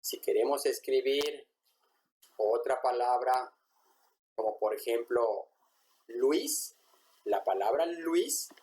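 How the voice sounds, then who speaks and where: A man, teaching a language class at a whiteboard. He is patient and says each example word slowly, more than once. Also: mid-range voice, a little mellow, low-quality recording.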